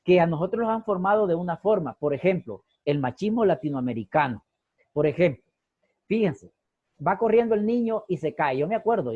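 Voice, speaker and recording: A man's voice: on the high side, breathy edge, dry recording, phone-quality sound. A man teaching a sociology class over a video call, asking rhetorical questions and repeating key phrases. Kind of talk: online class lecture.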